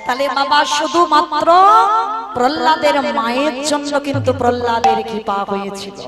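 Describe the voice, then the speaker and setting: Woman kirtan preacher narrating an epic with lively direct address, high voice over devotional music. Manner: animated, addresses listeners directly. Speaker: kirtan singer and storyteller. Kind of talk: devotional story sermon.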